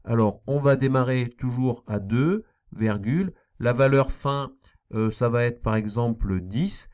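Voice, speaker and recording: A man's voice: mid-range voice, a little slow, darkish tone. A man teaching a programming lesson, explaining step by step and repeating key points, with a slight accent he apologizes for. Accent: non-standard accent he apologizes for. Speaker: math teacher. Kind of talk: screen-recorded programming lesson.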